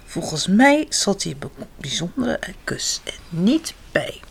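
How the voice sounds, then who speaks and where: Soft little storybook mouse, girlish and sweet, voice leaping up and down, unhurried, read aloud by a woman. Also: fairly low pitch, creaky, whispered, exaggerated voice. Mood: disappointed. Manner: lively, rising storybook voice. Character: gentle little female mouse seeking a kiss. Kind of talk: reading a picture book aloud to children.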